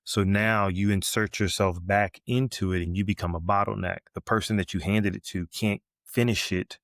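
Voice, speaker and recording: Man, deep voice, dry close sound, podcast guest, explanatory, keeps asking "right?". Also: fairly even intonation, moderate pace, fairly bright tone, dry recording. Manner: explanatory, ends points with "right?"; frequent fillers and restarts. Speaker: guest, business coach. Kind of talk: podcast interview.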